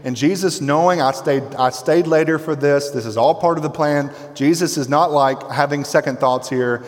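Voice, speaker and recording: A pastor preaching a sermon in a conversational, emphatic way, dropping to quiet intensity on key words. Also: male voice, fairly high pitch, moderate pace. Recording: long reverb from a hall.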